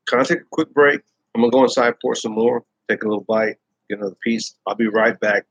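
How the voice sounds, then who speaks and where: A man's voice: mid-range voice, fast, a bit bright, slightly rough, dry recording, lo-fi sound. A man in his thirties hosting a casual live chat, rambling and swearing freely. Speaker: host.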